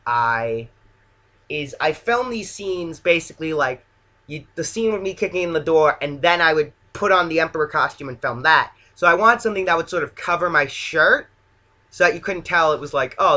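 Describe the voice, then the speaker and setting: Male amateur filmmaker, higher-pitched bright voice, casual self-deprecating commentary, feeling his way through sentences. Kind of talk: casual, unscripted director's commentary.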